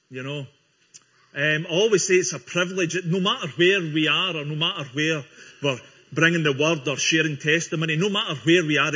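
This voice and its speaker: A Scottish guest speaker gives his testimony to a church congregation, earnest and friendly, with small restarts along the way. His voice is a little high, with a sharp tone and a slight roughness. The recording is dull and lo-fi.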